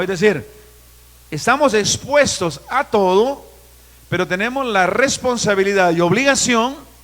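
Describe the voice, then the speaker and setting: A man in his fifties from Guatemala, a pastor preaching a sermon with emphatic, drawn-out phrases in a church. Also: high-pitched, a bit bright. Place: church sanctuary. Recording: long reverb of a church hall.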